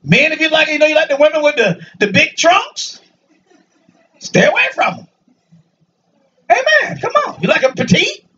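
A man preaching a lively sermon to a congregation in a church, joking and calling out for answers. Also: very high-pitched, moderate pace, pauses often. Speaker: pastor. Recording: dull, distant church recording.

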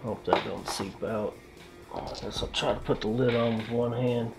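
A man's voice: mid-range voice, fairly even intonation, normal speed, gravelly, over music. A man casually narrating as he repastes and reassembles his computer, rambling and self-deprecating, talking to himself as he works. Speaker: PC hobbyist vlogger. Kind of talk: casual narration while working on a PC.

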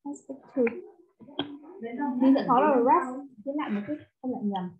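A woman tutors one pupil in English, explaining words step by step with English terms mixed in. Her high-pitched voice is fairly quick and comes through a tinny, phone-like line.

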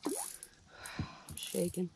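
A young man hosting a fishing vlog, chatting casually and getting loud and excitable when a fish comes up, recorded by a camera inside a small ice fishing tent. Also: drawn-out words, heavy background noise. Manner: excitable, shouting and laughing when a fish lands. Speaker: fishing channel host.

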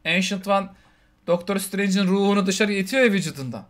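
A man co-hosting a casual film review chat, talking in an animated way and mimicking characters in quick asides. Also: high voice. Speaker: podcast co-host.

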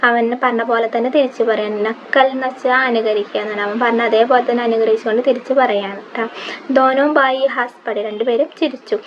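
A woman teaching a Hindi story lesson, reading lines slowly and then explaining them with quiz questions. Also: on the high side, fairly even intonation. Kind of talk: line-by-line textbook explanation. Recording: dull lo-fi audio with faint background hiss.

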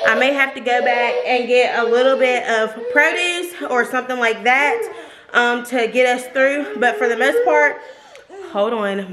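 A woman's voice: high-pitched, sharp tone. A young woman in her twenties chatting casually through a grocery haul vlog at home, rambling and laughing often. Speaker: vlogger. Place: home kitchen, indoors. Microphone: camera on the counter.

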